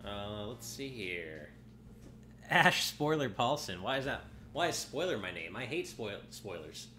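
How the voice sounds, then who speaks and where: Game music fills the background as a man chats casually while streaming a video game, often trailing off mid-sentence. His slightly nasal voice is fairly low, sing-song and unhurried, with a bright, forceful tone, and there's a little hiss or hum on the recording.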